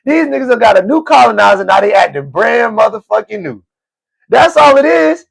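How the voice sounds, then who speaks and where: A man's voice: very high voice, very animated, fairly quick, gravelly, husky. A man hosting a live stream, ranting in profane, mocking commentary with stammered repeats. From United States.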